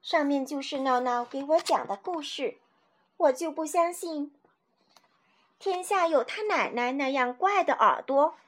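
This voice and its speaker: A woman narrating a children's story in a lively, expressive reading. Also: high voice, unhurried.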